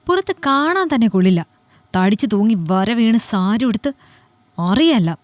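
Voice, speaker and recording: A woman's voice: a little high, lively intonation, measured pace, a little mellow, dry recording. A woman voicing a harsh, contemptuous middle-aged husband who snaps and belittles his wife in an audiobook story. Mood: scornful, angry. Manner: scornful, belittling, snapping.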